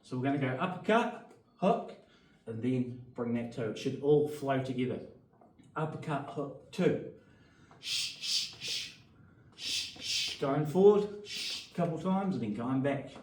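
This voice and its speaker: A man's voice: mid-range voice, lively intonation, moderate pace, far from the mic. Male boxing instructor demonstrating combinations with short cues and punching breaths; roomy echo, faint noise. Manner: sharp breathy exhales while demonstrating punches. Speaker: boxing coach.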